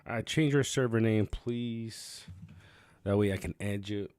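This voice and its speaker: A man's voice: fairly low pitch, slow pace, creaky, no echo. A man hosting a casual game livestream, chatty and muttering to himself as he sets things up. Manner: chatty, talks to himself while setting up. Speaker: game streamer host.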